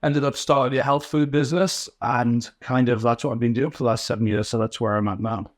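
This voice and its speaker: A man from Newcastle with a mixed northern English accent, a podcast guest telling his story in relaxed casual chat, often restarting his sentences. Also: mid-range voice, fairly quick, no room sound, studio quality. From Newcastle, England.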